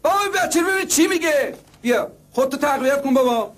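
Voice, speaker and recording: A man's voice: very high voice, lively intonation. An actor playing a distracted father who haggles over prices on the phone and impatiently brushes off his child. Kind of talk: TV children's drama.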